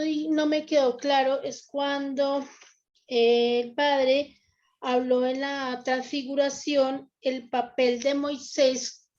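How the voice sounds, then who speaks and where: A woman's voice: high voice, darkish tone, lo-fi sound. A woman introducing herself politely and formally, then asking a question during a class. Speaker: lay participant asking a question. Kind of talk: question from the audience.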